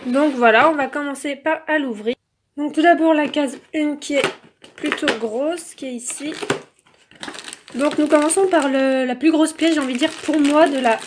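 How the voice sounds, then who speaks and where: A toy reviewer unboxes toys casually, her high-sitting voice set against a noisy background. She fills her talk with "donc" and "euh" while recording on a phone held in one hand.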